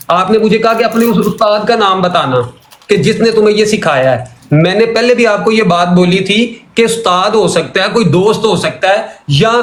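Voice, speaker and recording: A high-pitched man argues hotly on a call-in, working through his complaints point by point and circling back to them. His voice rings in a noticeably echoey room. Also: a bit bright. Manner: argumentative, numbers and repeats his points. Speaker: caller in a religious debate. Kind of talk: heated call-in argument.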